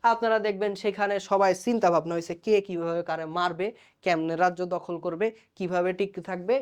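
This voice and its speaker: A man's voice: sits high, steady tone, fairly quick, smooth. A man with a Bangladeshi Bengali accent giving a recorded exam-prep sociology lecture, talking colloquially and answering his own quiz questions. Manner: colloquial, poses questions then answers them himself. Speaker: sociology tutor.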